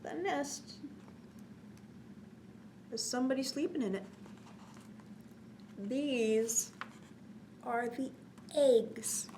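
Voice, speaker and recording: During a children's story time, a woman whose voice sits high reads a picture book with sing-song expressiveness. She stops periodically to explain and ask questions, and a faint hiss or hum runs through the audio.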